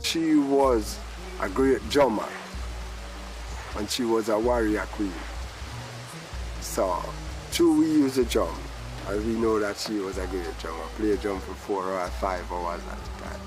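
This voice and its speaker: A man's voice: lowish voice, a little slow, pauses often, music in the background, low-quality recording. A Jamaican man in a reflective interview, using Rasta speech with patois turns of phrase. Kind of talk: reflective documentary interview talk.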